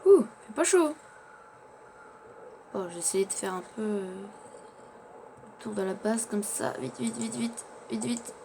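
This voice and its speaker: A man narrates his survival game in character, chatting about each action and regularly fumbling his words. He speaks unhurriedly in a high, slightly mellow voice with fairly even intonation, with slight background noise behind him.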